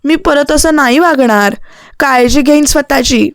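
A woman voicing an apologetic young woman who pleads softly in a storybook reading. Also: high voice, measured pace, dry recording, clean studio sound, voice pushed up. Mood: pleading. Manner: pleading, soft.

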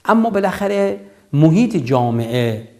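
Seated at a desk in a TV studio with a lapel mic, a man in his fifties hosts a religious call-in show. His fairly high, slightly mellow voice is very animated, and he explains in a didactic, emphatic way, repeating phrases.

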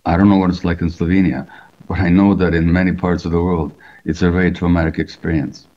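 An older man who grew up in Hungary, a physician answering interview questions over a video call in a measured, explanatory way, often posing rhetorical questions. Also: sits low, level tone, a little mellow. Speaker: physician and author. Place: indoor room at home. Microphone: video call webcam. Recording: dull lo-fi video call audio.

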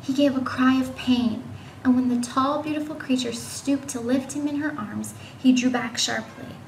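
A woman giving an informal read-aloud of a classic children's novel, voicing the characters gently. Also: high-pitched, fairly even intonation, normal speed, vocal fry. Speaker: reader. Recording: echoey room with faint noise.

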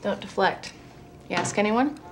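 An actress in her thirties playing a quick-witted divorced teacher and mother, with a dry, teasing way of talking in a TV film. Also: mid-range voice, background noise, lightly acted. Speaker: lead character, teacher and single mother. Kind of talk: TV film acting.

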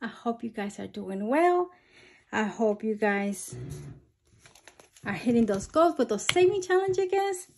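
Chatty budget vlogger lady, kinda high voice, bit out of breath, says you guys constantly. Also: very animated, slow pace, long pauses. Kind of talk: casual chat to camera.

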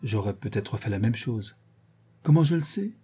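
A man reading an audiobook, voicing a stern, shrewd woman who questions her servants in a measured, deliberate way. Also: lowish voice, lively intonation, warm tone, slightly rough. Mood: cold.

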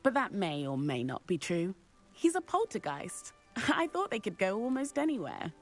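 A woman voicing a cheerful, excitable young female student in a game, chatty and a little husky. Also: medium pitch, moderate pace, soft background music. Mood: encouraging. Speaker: game character.

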